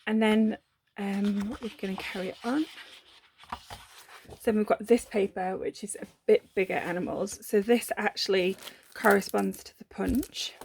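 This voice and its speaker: Gravelly-voiced chatty woman unboxing craft supplies. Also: mid-range voice, fairly even intonation, measured pace, darkish tone, slight background noise. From United Kingdom. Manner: chatty and gushing, with many ums and self-corrections. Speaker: papercraft vlogger. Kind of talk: casual unboxing chat.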